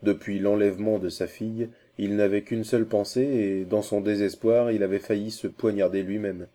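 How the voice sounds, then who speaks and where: Guy reading an old adventure novel out loud, deep-ish mellow voice, steady pace. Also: moderate pace. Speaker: audiobook narrator. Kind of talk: scripted narration of a classic novel.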